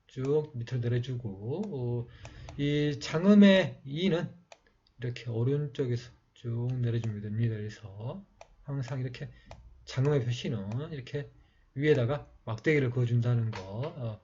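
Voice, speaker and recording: A man slowly explaining how to write letters in a lesson, pausing often with fillers. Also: medium pitch, a little mellow, breathy edge. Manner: slow, halting explanation with many fillers. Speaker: teacher. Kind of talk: calligraphy writing lesson. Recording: dull lo-fi recording.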